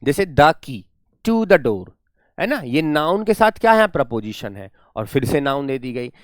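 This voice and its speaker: A male teacher walks students through a grammar lesson, his pitch rising and falling in an animated sweep. He coaxes the class along in a friendly, encouraging way. The sound is close and dry, with no room around it. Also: measured pace, dry recording. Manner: lively, coaxing, calls students "my friend" and "my child". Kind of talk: classroom lecture.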